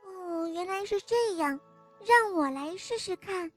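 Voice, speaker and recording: A woman voicing a squeaky, polite little mouse in a children's story. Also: expressive, unhurried, over music. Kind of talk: storybook reading.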